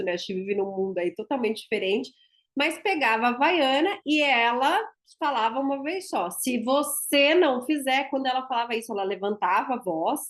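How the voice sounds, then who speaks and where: A woman with a Brazilian Portuguese accent, a dentist teaching a class in a chatty, emphatic way and often tagging her sentences with "né?". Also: fairly high pitch. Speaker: instructor and dentist.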